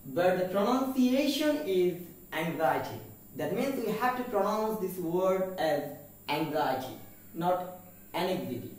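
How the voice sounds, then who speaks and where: Guy teaching english pronunciation, spells every word out super slow, higher voice, really echoey room, sounds far from the mic. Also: lively intonation. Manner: spells words letter by letter and repeats them; mixes Bengali and English, asks "what is it?". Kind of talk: pronunciation lesson.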